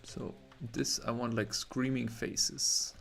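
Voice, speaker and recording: A man's voice: medium pitch, level tone, slow pace, vocal fry, fairly bright tone. A young man from Germany chatting casually with viewers while he draws on a livestream, rambling and breaking off mid-word. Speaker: artist streaming a drawing session.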